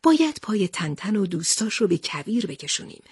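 A woman's voice: medium pitch, big pitch swings, a little mellow, husky, no echo, clean studio sound. A woman voicing a brave male sea captain who speaks steadily and reassuringly. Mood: steady.

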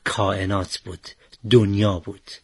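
A man's voice: lowish voice, level tone, darkish tone, slightly rough. A man voicing a patient father teaching his son a life lesson in a told story. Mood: calm teaching. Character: wise patient father, calm middle-aged man.

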